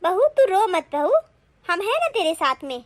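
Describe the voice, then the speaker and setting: A woman's voice: very high-pitched, sing-song, normal speed. A woman voicing a kindly, affectionate older mother-in-law in a Hindi cartoon, speaking in a soothing, motherly way. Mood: comforting.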